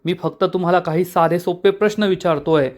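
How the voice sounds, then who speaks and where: A man voicing a calm, firm young husband who questions politely but insistently. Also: sits high, brisk, lightly acted.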